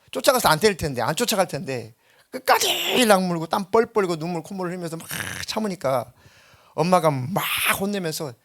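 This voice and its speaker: A middle-aged man preaching a sermon as pastor, telling stories and acting out the quoted voices. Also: a bit bright. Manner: storytelling, acting out quotes with sudden high-pitched bursts.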